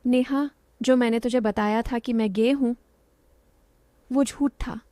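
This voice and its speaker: Woman doing a teasing young man, storybook reading, mellow, dry sound. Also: fairly high pitch, fairly even intonation, unhurried, no room sound, close to an everyday voice.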